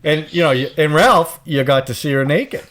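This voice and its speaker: A man in his fifties co-hosting a casual movie chat over a video call, chatty and quick to chime in. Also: a little high, fairly bright tone. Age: 50s. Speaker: podcast co-host.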